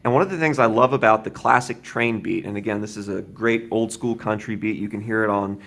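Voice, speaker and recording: Gravelly-voiced male drum teacher. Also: on the low side, fairly quick. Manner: counting beats aloud, explains calmly with frequent "right?". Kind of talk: instructional demonstration. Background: drum kit playing.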